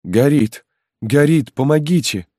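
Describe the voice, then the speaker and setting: A man's voice: a little high, expressive, measured pace, a little mellow, no room sound, studio quality, voice pushed up. A man voicing a desperate young peasant mother who wails and pleads for help. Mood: frantic. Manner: pleading, wailing cries for help.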